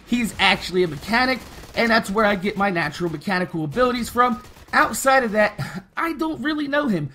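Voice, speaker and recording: A man's voice: high voice, animated, fairly quick, bright, forceful tone. A man, talking casually and candidly over gameplay, rambling and swearing freely. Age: 20s. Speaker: gaming YouTuber.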